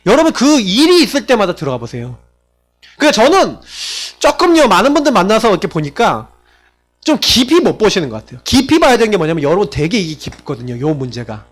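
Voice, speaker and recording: A man's voice: sits high, wildly swooping pitch, fast. A man pastor preaching a sermon in a conversational way, asking his congregation rhetorical questions and acting out quoted family members. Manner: acts out quoted family members in shifted voices.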